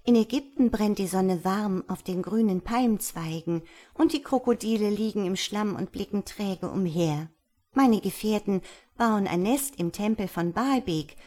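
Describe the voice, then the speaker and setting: A woman's voice: mellow, natural voice. A woman reading a fairy tale aloud and voicing a kind-hearted, loyal little female swallow in a raised, pleading voice. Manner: high pleading storytelling voice.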